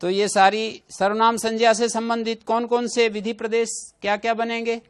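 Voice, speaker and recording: High-voiced man teaching grammar. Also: level tone, normal speed, clean tone. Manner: explains with examples and asks the class questions. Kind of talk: classroom grammar lecture.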